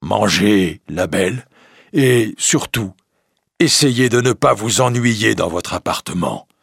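A kind, sorrowful storybook beast, as a man reads him aloud. He speaks in slow, earnest phrases, with a husky grain and a lively rise and fall. The sound is close and dry. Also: on the low side, no echo, full character voice. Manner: slow, earnest, pleading delivery. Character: gentle lonely male beast, sad and kind.

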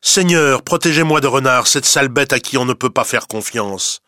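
A man's voice: on the high side, measured pace, no echo, studio quality, pitched above the performer's own voice. A man voicing a timid but eager male cat messenger in a storybook reading. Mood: praying. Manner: timid yet eager, excitable.

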